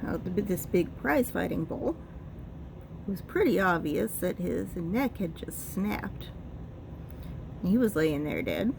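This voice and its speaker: A woman telling a family story from her childhood in a relaxed, rambling way, stringing events together with lots of "and"s. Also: lowish voice, takes it slowly, vocal fry, pauses often, noisy background.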